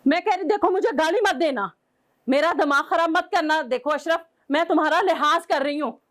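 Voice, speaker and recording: Pakistani woman, high voice, upset caller, scolding and pleading. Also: normal speed, a bit bright. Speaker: caller, estranged wife. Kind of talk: angry phone call to husband.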